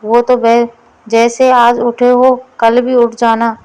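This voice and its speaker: A woman's voice: on the high side, completely flat delivery, slow pace, a little mellow, smooth, poor audio. A woman voicing a cheeky, literal-minded male servant answering his master back in a storybook.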